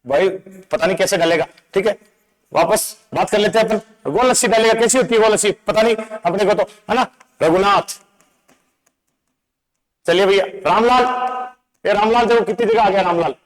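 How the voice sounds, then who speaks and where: A man teaching an exam-prep lesson, playful and asking quick quizzing questions over and over. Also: sits high, rough recording. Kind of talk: exam-prep lecture with memory tricks.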